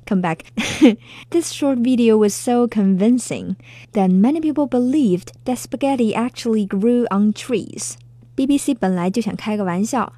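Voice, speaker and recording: Woman hosting a chatty bilingual english lesson, playful, warm mellow voice, dry close sound. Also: mid-range voice, no room sound. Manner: playful, chatty, laughs often. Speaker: language lesson host. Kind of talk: bilingual casual lesson narration.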